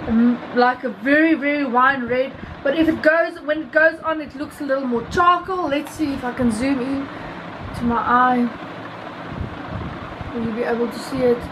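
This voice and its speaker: A woman's voice: high-pitched, fairly bright tone. A woman in her thirties with a South African accent, giving a rambling, casual product review as a beauty vlogger, often correcting herself. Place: small room indoors. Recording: clearly noisy home recording, ambient hum.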